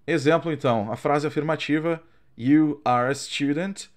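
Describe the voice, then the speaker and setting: A man whose first language is Portuguese, teaching an English grammar lesson and reading out example forms slowly and carefully. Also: a little high. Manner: slow, carefully spaced explanations with drawn-out English examples.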